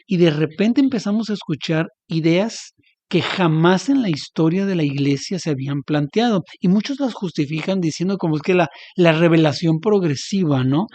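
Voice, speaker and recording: A man with a northern Mexican accent talks through theology as a podcast guest, earnest and explanatory, often pausing to hunt for the right word. His voice sits a little high for a man. The sound is dry and close. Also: darkish tone, dry recording. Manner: earnest, explanatory, searching for words. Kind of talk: casual theological discussion.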